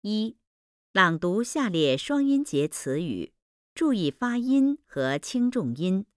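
A woman teacher reads pronunciation drills at a very slow, deliberate pace. Her pitch swings widely from word to word. The recording is dry and close. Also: very animated, dry recording. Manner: slow, careful, deliberate enunciation. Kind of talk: reading drill word lists aloud.

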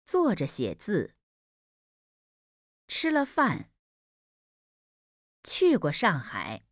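A woman's voice: mid-range voice, wildly swooping pitch, extremely slow, dry recording, clean studio sound. A woman reading demonstration sentences for a pronunciation lesson, enunciating each one carefully in a textbook-recording style. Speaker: Mandarin pronunciation lesson reader. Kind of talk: slow, deliberate textbook recording.

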